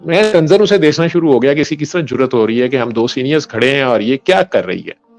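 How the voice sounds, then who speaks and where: A man who works as a doctor tells a long story from his hospital days, voicing the other people in it as he goes. His voice has a rough, creaky edge at a middle pitch. Faint music plays beneath his interview talk. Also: expressive, darkish tone. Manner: retells events with quoted dialogue, mixes in English medical terms.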